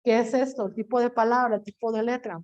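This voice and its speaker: A young woman teacher lectures her class in a lively way. She speaks in a fairly high voice, slips into quoted voices and puts questions to her students. The recording sounds dull and lo-fi. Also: fast.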